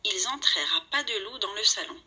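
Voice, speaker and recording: A woman narrating a children's storybook in a lively way, voicing the characters' lines as she goes. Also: medium pitch, fairly quick, breathy edge, rough recording.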